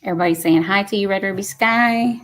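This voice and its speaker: Speaking fast in a mid-range voice, a woman in her 50s chats folksily on a casual live stream, reading viewer comments aloud and using "y'all."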